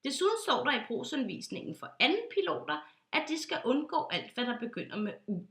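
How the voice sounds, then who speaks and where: A woman voicing a fussy, bossy duck pilot in a read-aloud storybook who scolds in a loud, high, pompous way. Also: sing-song, exaggerated voice. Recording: roomy echo.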